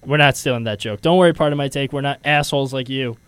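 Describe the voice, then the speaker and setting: Casting: young male host, smooth clear voice, teasing, keeps the show moving. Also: mid-range voice, fast, a bit bright, no room sound. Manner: leads the segment, teasing, laughs often. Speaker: sports radio host. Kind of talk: casual sports banter. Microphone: headphones and studio mic.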